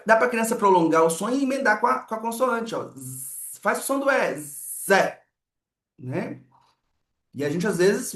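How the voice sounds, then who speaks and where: A man, teaching how letters map to sounds. He often asks "né" and acts out each sound. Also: high voice. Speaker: literacy teacher. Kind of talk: explanatory lesson with sound demonstrations. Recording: echoey room.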